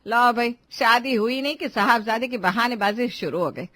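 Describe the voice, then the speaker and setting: A woman's voice: fairly high pitch, moderate pace, sharp tone, dry recording. A woman voicing a scolding middle-aged mother who lectures her grown son. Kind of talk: Hindi cartoon voice acting.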